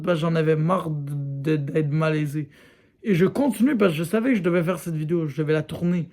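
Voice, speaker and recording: A man's voice: on the high side, darkish tone. A man giving a frank, casual video review, talking straight to his viewers with plenty of fillers. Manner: frank, addresses viewers directly as "les gars", lots of fillers. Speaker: YouTuber reviewing a series.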